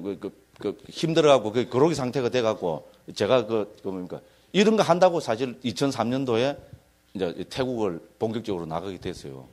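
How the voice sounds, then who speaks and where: Chatty Gyeongsang-accented monk lecturing. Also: male voice, on the low side, a little mellow. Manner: chatty, keeps asking listeners for agreement. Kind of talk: casual classroom lecture.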